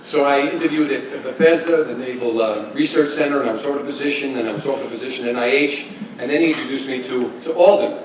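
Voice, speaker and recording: A man in his sixties giving a tribute speech, telling stories with chuckles and halting restarts. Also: medium pitch. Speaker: speaker giving a tribute talk. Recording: echoey room, distant mic, kitchen clatter.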